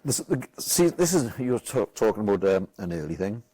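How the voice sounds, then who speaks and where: A Welsh man with a low, husky voice tells a football story with swings up and down in pitch. He swears freely and acts out the shouting on the touchline. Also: a little fast. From Wales. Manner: animated, swears a lot, acts out quotes loudly. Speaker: football manager and guest. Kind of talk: casual storytelling.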